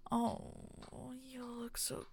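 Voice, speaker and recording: A woman performing an intimate roleplay in a soft, breathy whisper, coaxing and commanding by turns. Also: fairly high pitch, completely flat delivery, very slow, no room sound.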